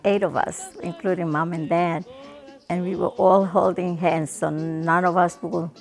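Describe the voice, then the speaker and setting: An older woman from Ecuador slowly and fondly recalling her childhood. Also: lowish voice, steady tone, soft background music. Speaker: interviewee. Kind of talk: reminiscing interview.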